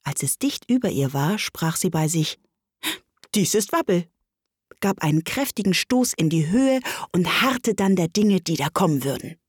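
A woman narrating a storybook with an expressive, lively reading. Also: fairly low pitch, moderate pace, hardly any pauses, husky, no echo, clean studio sound.

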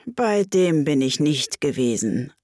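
A woman's voice: lowish voice, expressive, darkish tone, dry recording, clean studio sound. A woman doing a sighing, mournful mock turtle. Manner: slow, sighing and plaintive.

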